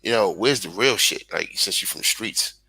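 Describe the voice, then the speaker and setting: A man's voice: on the low side, lively intonation, normal speed, vocal fry, sharp tone, breathy edge, no echo, rough recording. A man in his forties from Brooklyn with a Brooklyn accent, a guest on a video call, talking bluntly and profanely in casual chat. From Brooklyn, New York.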